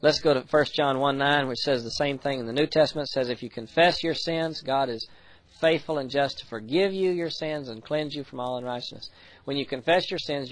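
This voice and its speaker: An American man preaching a sermon, earnest, slowing down to read scripture and speeding up for quick asides. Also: on the high side, low-quality recording. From United States. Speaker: pastor.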